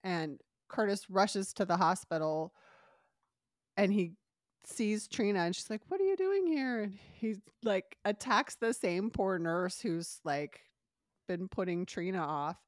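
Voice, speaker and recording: A woman's voice: fairly low pitch, slow pace, no echo, clean studio sound. A woman with a cold, casually recapping a soap opera on a podcast and acting out the characters as she goes. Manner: animated storytelling, acting out characters' lines. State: has a cold, stuffy. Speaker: podcast co-host.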